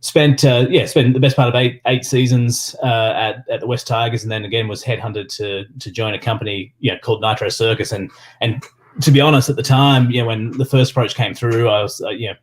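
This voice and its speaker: A man's voice: medium pitch, steady tone, brisk. An Australian man chatting casually as an interview guest, rambling and leaning on filler phrases. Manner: rambling, peppered with "you know" and "sort of". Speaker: podcast guest, sports business executive.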